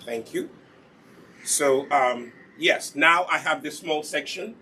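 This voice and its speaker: A Ugandan man with a Ugandan accent hosts a casual live hair care demonstration, selling and showing off natural hair products. His voice sits on the high side, slow, pushed and bright, and he teaches step by step, repeating key points over slight background noise.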